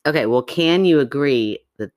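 A woman's voice: rumbling low, lively intonation, moderate pace, a little mellow, no room sound, clean studio sound. A woman in her forties co-hosting a podcast, chatting casually, laughing often and reading listener messages aloud. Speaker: podcast co-host.

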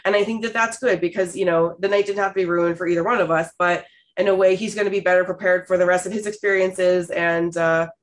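A woman in her thirties from Canada, hosting a podcast and telling stories in a candid, expressive way with casual swearing. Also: fairly low pitch, fast talker. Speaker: podcast host. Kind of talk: casual storytelling chat.

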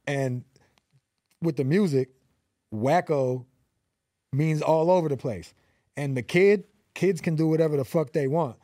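A man's voice: fairly high pitch, measured pace, long pauses, dark tone, no echo, clean studio sound. A man in his twenties from Los Angeles, a rapper guest talking in slangy, earnest speech full of fillers. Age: 20s. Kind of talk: casual interview.

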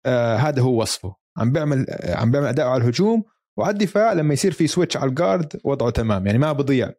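Fast-talking man, Levantine Arabic accent. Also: medium pitch, animated, darkish tone, dry recording, studio quality. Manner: mixes English sports terms into Arabic. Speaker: sports podcast co-host. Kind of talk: casual basketball chat.

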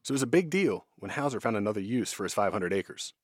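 A man's voice: on the low side, lively intonation, fast talker, no echo, studio quality. An American man reading scripted news narration as a radio reporter.

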